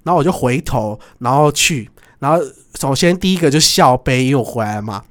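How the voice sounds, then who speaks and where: A man's voice: mid-range voice, lively intonation, a little fast. A young man with a Taiwanese Mandarin accent, hosting a podcast and telling a story casually and animatedly, laughing often and acting out the voices in it. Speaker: podcast host.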